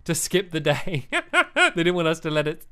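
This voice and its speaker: A man's voice: fairly high pitch, big pitch swings, moderate pace, bright, forceful tone, clear, resonant tone. A man giving casual game commentary with a playmate, rambling and giggly with lots of restarts. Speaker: gamer co-host. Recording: faint music behind.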